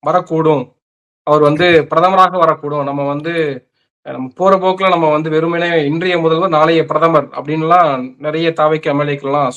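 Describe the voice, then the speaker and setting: Interviewer guy, bit high voice, kinda halting, lots of ahs while he sets up questions. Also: fairly bright tone. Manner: measured, hesitant, fills with "ah".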